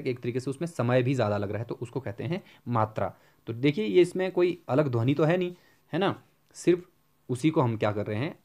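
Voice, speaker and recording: A man giving an exam-prep Hindi grammar lecture, often asking a question and then answering it himself, and slowing down to spell out examples. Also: mid-range voice, a little mellow.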